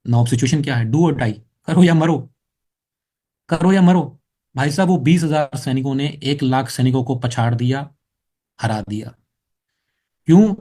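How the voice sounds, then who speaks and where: A man's voice: mid-range voice, unhurried, long pauses, dark tone. A middle-aged man from India giving a preachy motivational training talk that turns to scolding and storytelling. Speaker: business trainer.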